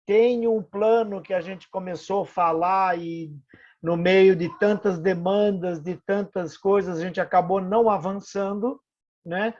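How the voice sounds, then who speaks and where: Older Brazilian man, chatty public official, high voice, dull lo-fi video-call sound. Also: fairly even intonation, a little slow, darkish tone. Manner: talkative, self-deprecating, offers help repeatedly. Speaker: municipal housing official. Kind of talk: online webinar discussion.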